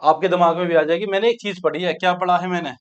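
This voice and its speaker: A man's voice: high-pitched, fairly even intonation, fast talker, clean tone. A man teaching a maths lesson for exam preparation. He asks his students questions, answers them himself, and repeats key steps aloud while he writes. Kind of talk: exam-prep maths lecture. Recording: dull lo-fi sound.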